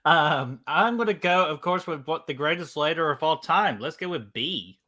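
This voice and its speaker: A man co-hosting a casual podcast in a joking, cursing way. His voice is somewhat high, with a bright, forceful edge. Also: lively intonation, normal speed. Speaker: podcast co-host.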